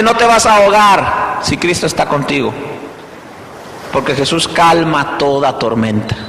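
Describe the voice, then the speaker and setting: A male pastor preaching a sermon, emphatic, with repeated rhetorical questions, swinging between loud and hushed delivery. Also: high-pitched, slight background noise. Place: church hall. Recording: echoey hall reverb.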